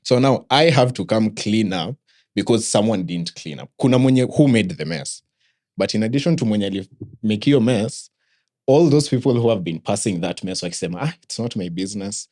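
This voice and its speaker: A man's voice: lowish voice, animated, brisk, a little mellow, no room sound, studio quality. A man with a Kenyan accent moderating a casual panel talk, switching between English and Swahili. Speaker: podcast host and moderator.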